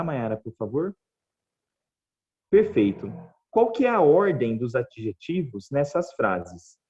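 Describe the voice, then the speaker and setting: A man from Brazil teaching English online, his voice dark and mellow on a slightly muffled recording. He talks patiently and says each word slowly again for his students. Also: mid-range voice. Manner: patient, repeats words slowly for the class, checks in with "tá bom?". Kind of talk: online language class.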